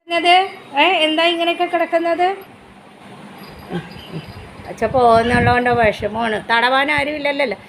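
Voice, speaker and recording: A woman's voice: sits high, normal speed, pauses often, a bit bright, slight background noise. A woman vlogging casually at home, coaxing her pet dog in baby talk and chatting to viewers. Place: home, indoors and up on the terrace.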